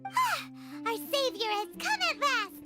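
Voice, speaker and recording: A woman voicing a small, excitable floating girl companion who speaks of herself in third person, in video game dialogue. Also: very high voice, unhurried, full character voice. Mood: cheerful. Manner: talks about herself in third person, whiny and exclamatory. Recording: loud game music behind. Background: game score.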